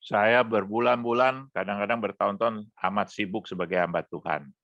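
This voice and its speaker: Hoarse male pastor teaching online. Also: fairly low pitch, moderate pace, no echo, muffled recording. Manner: interactive, coaxing questions to participants. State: hoarse throat. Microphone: online meeting mic.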